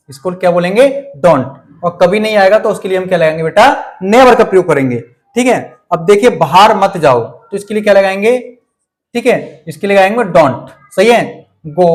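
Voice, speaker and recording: A man teaching English grammar in Hindi, repeating each example sentence and asking the students questions that he answers himself. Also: high voice. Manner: repetitive, asks and answers his own questions, calls students 'beta'. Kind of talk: Hindi-language grammar lesson.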